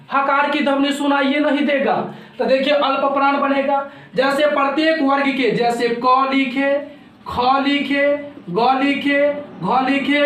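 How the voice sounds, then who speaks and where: A man's voice: extremely high pitch, a bit bright. A male teacher explaining a grammar lesson, repeating each point and asking and answering his own questions. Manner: repetitive, explanatory, asks questions and answers them himself. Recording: roomy echo.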